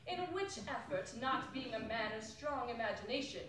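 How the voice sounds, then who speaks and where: A woman's voice: a little high, animated, normal speed, a bit bright, a little hiss or hum. A woman narrating with wry storytelling in a stage dramatic reading. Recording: echoey hall from far off.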